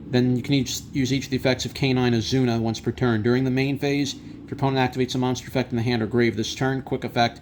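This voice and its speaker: Man doing casual pack-opening commentary, background noise. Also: medium pitch. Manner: reads out card names and effects, then gives brief reactions. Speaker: trading card collector presenting a box opening.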